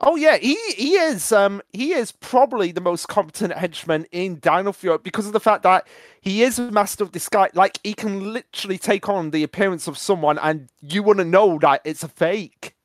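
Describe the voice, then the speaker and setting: A man's voice: high-pitched, normal speed, no echo. A man co-hosting a fan podcast, talking eagerly in casual chat. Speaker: podcast co-host.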